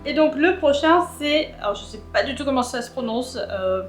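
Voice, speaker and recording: A young woman talks in a loose, casual way, full of hesitations and restarted phrases. Her voice sits a little high. The room is echoey, with soft music playing faintly behind her. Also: expressive, moderate pace. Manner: rambling, many fillers and restarts. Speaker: booktuber. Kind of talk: casual chat.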